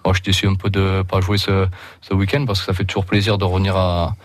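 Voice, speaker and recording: A man's voice: deep voice, completely flat delivery, quick pace, no echo. A man in his thirties with a Roussillon French accent, a rugby league player talking casually as a radio guest, hesitant and full of restarts.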